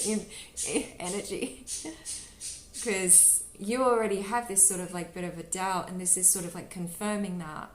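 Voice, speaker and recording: A woman giving a casual tarot reading to camera, chatty and giggly, with many "like" fillers. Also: medium pitch. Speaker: tarot reader. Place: home room with birds nearby. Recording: roomy echo with faint background ambience.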